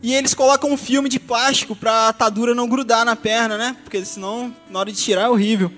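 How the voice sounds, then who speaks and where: High-voiced young man giving a lively church testimony. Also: fast. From Brazil. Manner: lively, humorous, addresses the congregation. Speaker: testimony speaker. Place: church hall. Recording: long hall reverb, soft guitar music.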